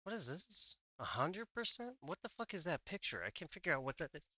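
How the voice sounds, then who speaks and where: A man's voice: a little high, very animated, brisk, pushed and bright, dry recording, lo-fi sound. A man streaming a game, chatting casually with a teammate, swearing often and trailing off mid-sentence. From United States. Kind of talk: casual gaming chat.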